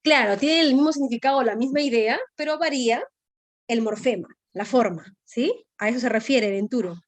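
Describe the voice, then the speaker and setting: A woman teaches a grammar class in an online lecture, explaining patiently and checking in with her students often. She speaks at a normal pace in a fairly high voice, with no room sound.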